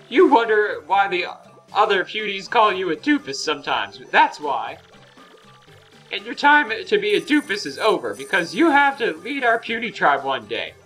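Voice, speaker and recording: A man voicing a cranky old female elder creature in a gruff, lecturing old-person voice. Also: high-pitched, sharp tone, voice pushed up, exaggerated voice.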